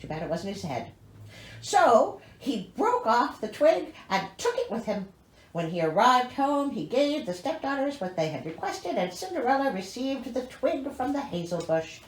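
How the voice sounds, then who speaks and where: Reading a fairy tale aloud with dramatic flair, the host pauses for disbelieving, sarcastic jokes. She speaks at normal speed in a fairly high, very animated voice, recorded in a roomy, echoing space.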